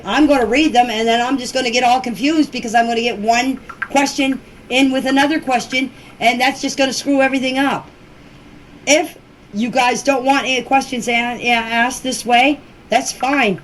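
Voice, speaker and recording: In this amateur voice clip, a grandmother with a high-pitched voice answers questions about a missing children case involving her family. She's informal, plain-spoken, insistent and repeats herself, and the low-quality audio carries a little hiss or hum.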